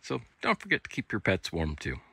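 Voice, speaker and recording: This overlanding vlogger, a man in his thirties, has a low, creaky, sharp voice that swoops wildly in pitch, slightly rough and briskly paced on a dry recording. Relaxed and chatty, he gives camping how-to tips at a wooded campsite and addresses his dog along the way.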